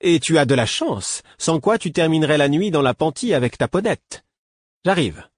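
A man voicing a brisk, motherly older woman who scolds kindly, in a storybook reading. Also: fairly high pitch, expressive, slightly rough, pitched above the performer's own voice.

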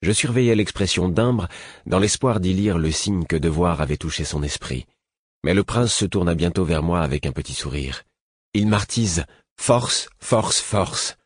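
A man narrates a novel in a measured, even reading voice. His pitch sits very low and carries a husky grain. The dry, close-miked sound has no room around it. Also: no echo. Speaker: audiobook narrator. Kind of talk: scripted narration.

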